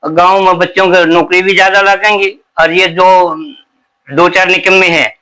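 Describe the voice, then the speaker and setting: A man's voice: high-pitched, little pitch movement, moderate pace, pushed and bright, smooth, low-quality recording. A man, a sadhu giving emphatic, rambling answers in an interview to defend his guru.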